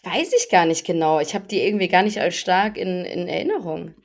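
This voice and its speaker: Chatty young woman, slightly low voice. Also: lively intonation. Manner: brisk, talkative storyteller who laughs between points. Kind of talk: casual chat recapping a reality show.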